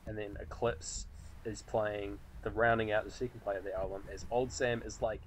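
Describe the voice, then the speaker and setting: A man's voice: fairly low pitch, fairly even intonation, normal speed, a little hiss or hum, low-quality recording. A man co-hosting a podcast, talking casually about a movie with a lot of "like" fillers and frequent laughter. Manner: laid-back, lots of filler "like", laughs often. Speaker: podcast co-host. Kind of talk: casual film discussion.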